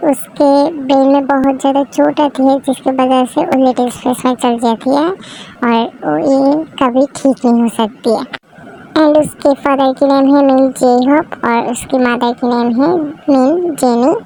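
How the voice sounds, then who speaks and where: A woman's voice: high-pitched, mellow, rough recording. A woman casually introducing the characters of a fan dub story, mixing in English words. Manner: chatty, mixes in English words.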